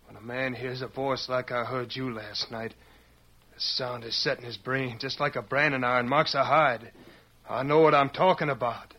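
An actor playing a wounded, hot-headed cowhand gunslinger in an old-time western radio drama, accusing and challenging. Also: male voice, medium pitch, steady tone, moderate pace, highs cut off, close to an everyday voice. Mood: menacing challenge.

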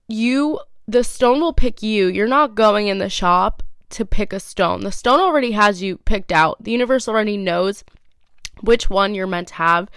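A woman's voice: medium pitch, fairly bright tone, clear, resonant tone, no echo, clean studio sound. A woman in her twenties hosting a casual solo podcast, chatty and self-mocking, with a congested, nasal voice. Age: 20s. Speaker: podcast host.

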